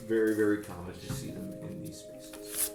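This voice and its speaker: A man acting as game master, describing scenes in a relaxed way with many fillers. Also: fairly low pitch, moderate pace, vocal fry. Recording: echoey room with music behind. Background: background music.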